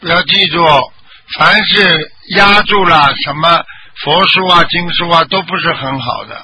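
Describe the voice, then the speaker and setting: A Buddhist master on a radio call-in show, explaining dreams to callers in plain terms and often checking whether they understood. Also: male voice, fairly high pitch, unhurried, bright, forceful tone, a little hiss or hum.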